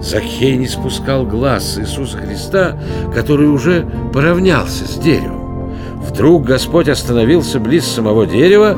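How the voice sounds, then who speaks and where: A man narrates a children's Bible story with expressive storytelling. His voice sits mid-range but moves lively up and down, with clear music underneath. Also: mid-range voice, normal speed.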